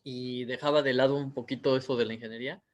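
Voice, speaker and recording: A man's voice: mid-range voice, steady tone, fast talker. A Mexican man in his thirties, an author answering interview questions in a rambling way with many fillers. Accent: Mexican Spanish. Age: 30s.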